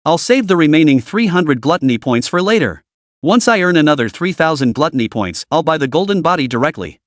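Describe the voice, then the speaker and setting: A man plays a scheming young beast tamer who grumbles to himself about costs and plans. The voice sits slightly high with a lively, bouncing pitch. The recording is dry and close. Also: fairly quick, no room sound, close to an everyday voice.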